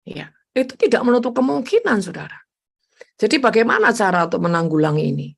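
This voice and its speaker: A woman's voice: quick pace, vocal fry. A woman evangelist giving a conversational sermon, constantly addressing listeners as brothers and sisters and acting out her own prayers. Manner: addresses listeners as "saudara" repeatedly, animated pitch swings. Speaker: evangelist preacher.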